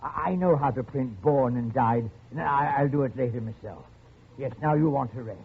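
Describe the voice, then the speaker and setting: In a muffled, lo-fi 1950s radio drama, an older male actor plays a lonely jungle settler who is genial yet quietly menacing. His soft, mid-range voice has a breathy edge and small chuckles, and he speaks haltingly, gently and repetitively in a sly, coaxing way.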